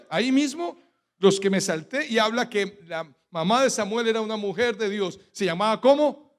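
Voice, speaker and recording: A Colombian man preaches in church in a fairly high voice. He drives his sermon with rhetorical questions and sharp emphatic stresses. He leaves gaps for the congregation to fill in his lines. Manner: emphatic preaching cadence with sudden loud stresses. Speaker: pastor.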